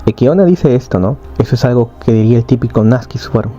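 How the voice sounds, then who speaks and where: A man's voice: mid-range voice, quick pace, warm tone, dull audio. A man casually recapping a novel's plot, chatty, with frequent tag questions and fillers. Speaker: anime story recapper.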